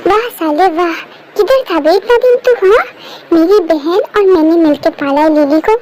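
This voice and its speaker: High young voice doing a rough brother. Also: normal speed, a little hiss or hum. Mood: taunting. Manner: coarse, taunting street talk. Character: rough, insulting young man, the mother's brother. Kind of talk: amateur fan dub. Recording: loud background music.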